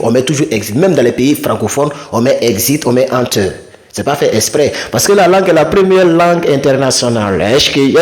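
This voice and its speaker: A man teaching vocabulary in a casual, chatty way, repeating words and correcting himself as he goes. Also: medium pitch. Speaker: English teacher.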